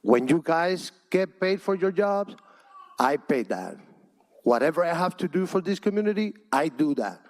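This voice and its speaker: A man's voice: a little high, big pitch swings, normal speed, darkish tone. A Spanish-speaking man from Cuba with a Cuban Spanish accent gives an impassioned, pleading public comment at a city council meeting, repeating his points. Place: council chamber.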